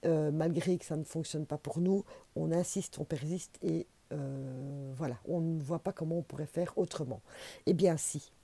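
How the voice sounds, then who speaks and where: Low-voiced Belgian woman reading oracle cards. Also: steady tone, normal speed, vocal fry, dark tone, slightly rough, no echo. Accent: Belgian French. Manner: chatty, encouraging, repeats for emphasis. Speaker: intuitive oracle card reader. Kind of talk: casual spiritual card reading to camera.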